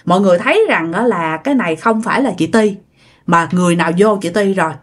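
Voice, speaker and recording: A woman's voice: fairly low pitch, fast talker. A woman telling a ghost story in a chatty way, often addressing her listeners directly. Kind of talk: spoken ghost story narration.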